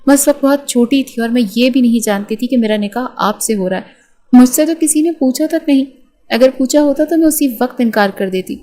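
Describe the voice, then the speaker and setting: A woman's voice: high-pitched, dark tone, pitched above the performer's own voice, lightly acted. A woman reading the lines of a frightened, tearful young bride in an audio novel, in a pleading way.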